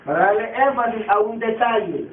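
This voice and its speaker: Male Bible teacher, high pitch, repetitive quizzing lecture style, captured far off on a tinny, roomy recording. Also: moderate pace, noisy background. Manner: repeats key terms, quizzes the class. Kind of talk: classroom lecture. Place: classroom. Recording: tinny, echoey distant classroom recording.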